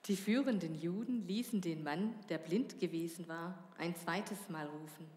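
A woman reading a Bible passage aloud in church, measured and giving each speaker's lines some voice. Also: fairly low pitch, darkish tone, a little hiss or hum. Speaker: scripture reader. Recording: church hall reverb.

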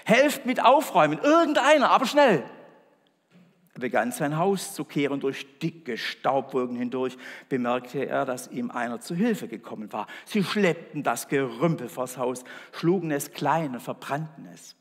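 A man preaching a sermon, moving between raised calls and hushed whispers. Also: medium pitch, normal speed, few pauses. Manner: dramatic, shifts between loud calls and soft whispers. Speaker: pastor. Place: church. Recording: long church reverb.

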